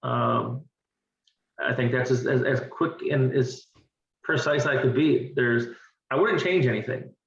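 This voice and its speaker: A divorced father in his forties speaks earnestly as a guest in a candid interview, often repeating words as he works through his thoughts. His medium-pitched voice is unhurried, gravelly and a bit bright. The distant, roomy, dull-sounding recording carries a little hiss or hum.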